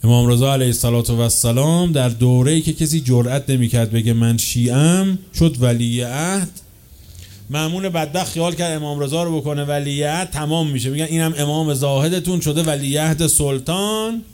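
A man preaching a sermon with passion, swinging from loud, slow declaiming to quick, quieter asides. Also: on the high side. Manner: chants quoted chains of narrators slowly.

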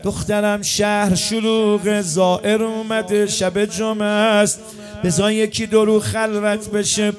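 A man with a high tenor voice tells a devotional story. His delivery is impassioned and slips into half-sung chanting. Soft music plays faintly behind him. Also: flat delivery. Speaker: religious eulogist. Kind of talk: emotional religious storytelling with chanting.

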